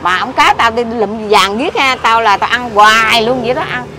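A middle-aged woman with a Southern Vietnamese accent, rambling excitably and scolding in a street conversation. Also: a little high, moderate pace. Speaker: interviewee. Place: outdoors by a street. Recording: loud street traffic behind.

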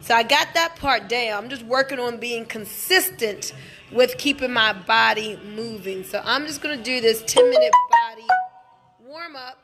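Over music, a middle-aged woman with a voice on the high side talks at normal speed to her live audience. She's a wellness business promoter and livestream host in an indoor gym, holding her phone at arm's length and chatting with casual enthusiasm.

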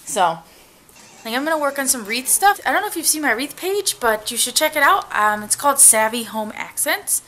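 In a high, sing-song voice with a sharp tone, a woman vlogs about her family at a moderate pace, talking upbeat and straight to the camera she holds at arm's length. The scene shifts from a car to a home kitchen and living room.

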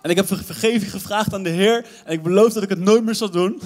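Young Dutch youth pastor, lively sermon with playful asides, reverberant church hall. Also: male voice, high voice, fast talker.

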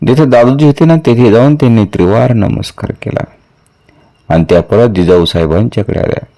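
A man reading a historical novel aloud in a measured, steady storytelling manner. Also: medium pitch. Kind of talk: audiobook narration of a historical novel.

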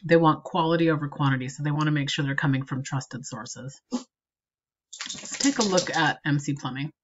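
A woman marketing consultant walking a client through an SEO review with a screen recording, in a steady and practical way. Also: sits low, moderate pace, breathy edge, muffled recording.

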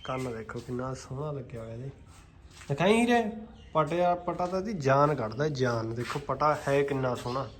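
A man's voice: medium pitch, fairly quick, hardly any pauses, a bit bright. A man with a Malwai Punjabi accent chatting casually and informally to viewers as a vlogger who keeps horses. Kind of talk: casual vlog chat. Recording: noisy handheld vlog with ambient sound.

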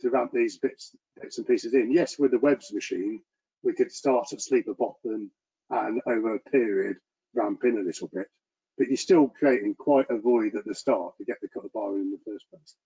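Man with a muffled monotone delivery. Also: lowish voice, moderate pace, husky. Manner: earnest, frequent restarts and repetitions; self-described monotone delivery. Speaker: presenter at an engineering section meeting. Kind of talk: online presentation and Q&A. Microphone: video call. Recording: muffled lo-fi video call audio.

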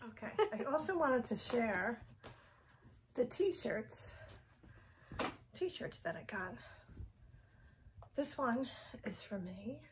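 A woman's voice: on the high side, slight background noise. A middle-aged woman chatting casually at home in a vlog, rambling with lots of fillers and small laughs. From Northern New Jersey. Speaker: vlogger. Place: home, indoors.

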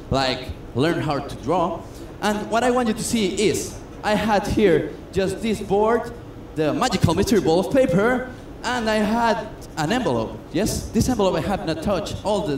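Man, high voice, chatty self-mocking magician patter; echoey stage, noisy room. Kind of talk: comedic stage patter with audience. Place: cruise ship stage. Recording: echoey stage sound with noise.

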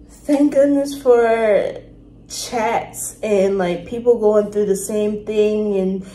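A woman hosting a reaction video, talking earnestly and emotionally with halting, apologetic restarts. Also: mid-range voice. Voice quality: emotional, soft-spoken. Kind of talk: casual reaction commentary. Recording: roomy room with faint noise.

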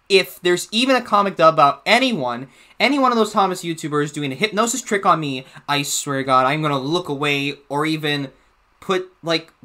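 A young man hosting reaction videos gives casual, rambling commentary from a small room at home, often repeating and rephrasing himself. His voice is a little high with a sharp tone.

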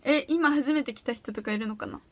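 A woman's voice: on the high side, a little fast, a bit bright, no room sound. A teenage girl chatting casually on a solo livestream from a small room at home, bubbly and giggly as she reacts to viewer comments. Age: teens. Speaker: audition livestreamer.

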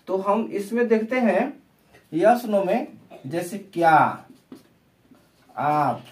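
Slow, questioning male Hindi grammar teacher. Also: high-pitched, a little mellow, recorded from a distance. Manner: slow, repetitive, asks and answers his own questions. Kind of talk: classroom lesson explaining tenses.

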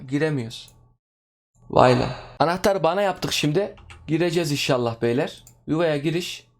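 A young man giving casual, excitable commentary over his own gameplay, chatting to his viewers like friends. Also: fairly high pitch, a little fast. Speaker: gaming YouTuber.

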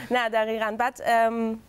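A woman's voice: a little high, lively intonation, clear, resonant tone. A young woman from Germany with a Mashhadi Persian accent tinged by German, chatting cheerfully as a guest singer on a talk show. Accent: Mashhadi Persian with German influence. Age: young adult. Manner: giggly, cheerful, easygoing. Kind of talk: casual interview chat.

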